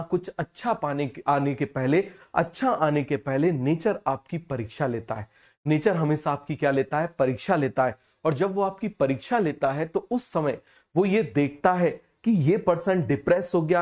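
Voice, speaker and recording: A man teaching a biology class, unwell with a fever, who keeps asking questions and repeating the answers slowly. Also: a little high, darkish tone. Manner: call-and-response questioning, repeats key terms slowly. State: feverish, speaking slower than usual. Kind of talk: online class lecture.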